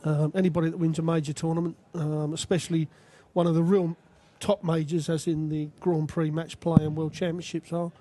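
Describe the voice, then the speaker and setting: A man's voice: fairly high pitch, flat delivery, brisk, few pauses, warm tone. A man giving conversational, analytical live darts commentary as a co-commentator. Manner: analytical, addresses his co-commentator.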